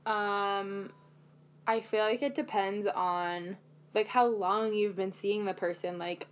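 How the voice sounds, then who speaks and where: A woman's voice: mid-range voice, steady tone, slow pace. A young woman co-hosting a podcast, telling a dating story in a chatty, self-mocking way with lots of fillers. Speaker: podcast co-host. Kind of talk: casual chat.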